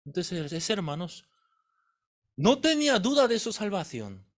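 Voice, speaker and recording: Animated male preacher, high lively voice. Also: unhurried. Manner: animated storytelling, quizzing the congregation. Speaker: pastor. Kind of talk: sermon.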